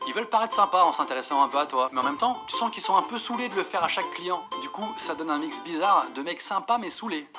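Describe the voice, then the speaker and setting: A man's voice: on the high side, expressive, quick pace, few pauses, music in the background, low-quality recording. A young man delivering a scripted comic monologue in a wry, self-mocking manner. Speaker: comedian.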